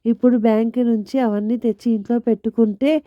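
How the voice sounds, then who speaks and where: A woman voicing an excited, bossy middle-aged wife who chides her husband in a storybook tale. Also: on the high side, a little fast, dry recording, natural voice. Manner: chiding, eager. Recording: dull lo-fi dry recording.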